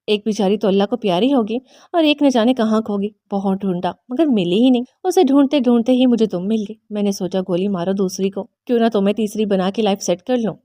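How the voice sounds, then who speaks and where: A woman's voice: medium pitch, hardly any pauses, mellow, no room sound, lightly acted. A woman reading the lines of a playful young husband who teases his wife. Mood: teasing. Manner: mischievous, bantering.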